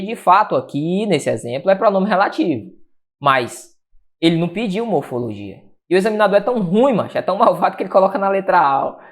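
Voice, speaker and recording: A man teaching an exam-prep grammar lesson, energetic, asking and answering his own questions. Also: sits high. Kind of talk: lively exam-prep lecture.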